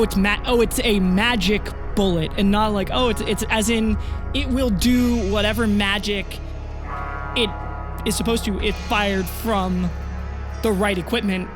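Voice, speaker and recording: A woman acts as game master for a tabletop roleplay audio drama, narrating in casual wording punctuated by dramatic pauses. Her voice sits at a medium pitch.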